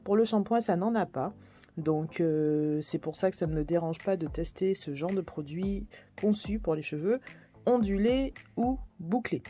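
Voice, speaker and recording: A woman's voice: on the low side, measured pace, warm tone, faint music behind. A woman reviewing hair products in a casual vlog, talking hesitantly with many fillers as she reads labels aloud. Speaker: beauty vlogger.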